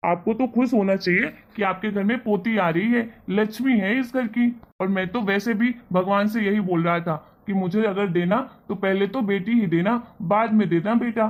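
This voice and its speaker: A man voicing a kind, earnest young husband and son in an animated family story. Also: high-pitched, moderate pace, hardly any pauses, narrow, tinny audio, close to an everyday voice. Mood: pleading. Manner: earnest, persuasive.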